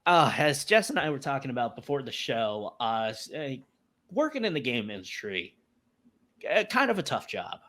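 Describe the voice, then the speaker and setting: A man hosting a relaxed podcast chat. His voice is mid-pitched and swings up and down with lots of animation, and he keeps the talk light and jokey. It is an easygoing, conversational delivery. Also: normal speed. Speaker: podcast host.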